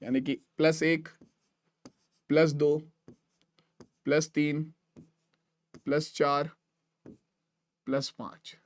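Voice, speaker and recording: A man with a high voice teaches a math lesson. He repeats each point and asks his students questions to check they follow. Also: level tone, drawn-out words, pauses often.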